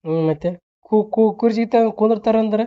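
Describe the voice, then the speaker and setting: In a noisy, band-limited phone recording, a man whose voice sits high talks fast. He has a North Karnataka accent and engages in casual banter, scolding, needling, and repeating his questions.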